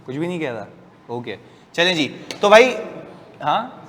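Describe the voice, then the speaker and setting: A man's voice: on the high side, a little slow. Chatty man lecturing in a big echoey room. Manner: chatty, joking, lively asides to students. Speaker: accounting lecturer. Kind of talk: casual classroom lecture. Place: classroom. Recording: distant voice in a reverberant room, faint hiss.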